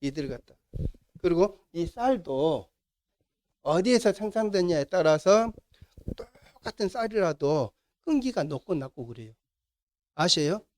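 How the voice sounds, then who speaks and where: A middle-aged instructor with a Jeolla Korean accent lectures a class in a voice a little high for a man, with a darkish tone. He keeps posing questions to the room and answering them himself, guiding students through the material with lively intonation, an unhurried pace, and long pauses.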